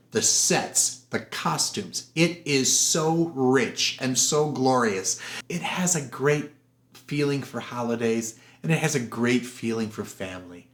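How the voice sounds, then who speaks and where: Animated, gossipy man in a roomy space. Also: mid-range voice. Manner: animated and gossipy, puts on voices for quotes. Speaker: host and film reviewer. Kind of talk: casual film commentary. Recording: roomy echoey room.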